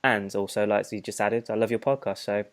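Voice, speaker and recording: A man's voice: on the low side, steady tone, fairly quick. A man co-hosting a casual fan podcast, chatty and laughing easily as he reads out listener comments. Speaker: podcast co-host.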